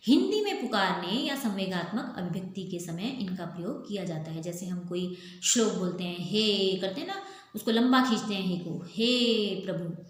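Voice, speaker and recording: Brief: young woman grammar teacher, patient and repetitive, asks then answers her own questions, recorded in a very echoey room with faint hiss. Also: medium pitch. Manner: draws out vowel sounds as spoken examples. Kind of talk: recorded classroom lesson.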